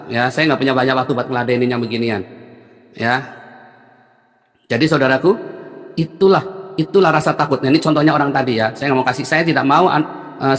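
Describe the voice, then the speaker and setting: A man's voice: fairly high pitch, big-room sound. A man in his late forties preaching on a live stream, arguing heatedly and hurling insults at a caller. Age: 40s. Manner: shouting, insulting, domineering.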